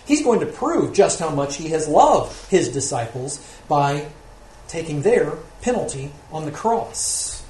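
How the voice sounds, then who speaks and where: A man's voice: on the high side, very animated, unhurried, dark tone. A man preaching a sermon as pastor, earnest, often asking rhetorical questions and checking in with "right?". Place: church sanctuary. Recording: roomy church recording with faint noise.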